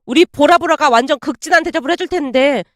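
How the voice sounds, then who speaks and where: A woman voicing a sharp-tongued young woman who scornfully orders a former classmate around in a storybook drama. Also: high voice, fast talker, dry recording, studio quality, lightly acted. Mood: scheming. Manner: irritable, commanding, scornful.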